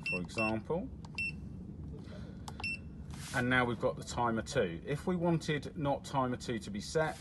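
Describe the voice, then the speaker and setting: Speaking in a fairly low voice, a man demonstrates a product at a table indoors, going through its controls step by step as he presses them. The explanation is plain and matter-of-fact, recorded with noticeable background noise.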